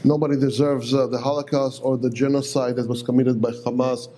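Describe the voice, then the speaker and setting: A man's voice: mid-range voice, level tone, fairly quick, warm tone, slight background noise. A man hosting an interview, speaking with frequent hesitations and fillers while he pushes back. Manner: hesitant, many fillers, tells anecdotes with acted quotes. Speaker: interview host. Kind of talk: conversational interview.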